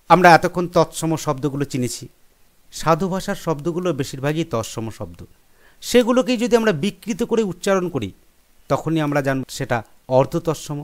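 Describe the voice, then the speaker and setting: A male teacher gives a classroom lesson in a fairly high voice that rises and falls a lot. He explains step by step and reads out long lists of example words at an unhurried pace. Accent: Bengali. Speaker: school teacher.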